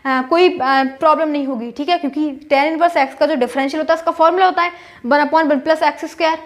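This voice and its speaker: A woman's voice: sits high, steady tone, a little fast. A woman math teacher, patiently explaining a solution step by step and often checking that students follow.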